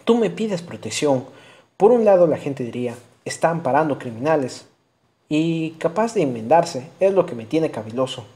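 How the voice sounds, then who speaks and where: A middle-aged rural landowner, as a male narrator plays him talks half folksy and half stern, gruff but kind at heart. The voice is dark and warm and sits near the reader's own. It is an audiobook figure. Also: on the high side, very animated, moderate pace. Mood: deliberating.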